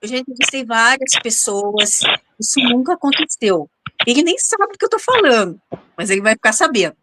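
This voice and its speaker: A woman hosting a show, telling a story to her audience in a dramatic, animated way and often turning to speak to them directly. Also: a little high, moderate pace, noisy background. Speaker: show host and interviewer.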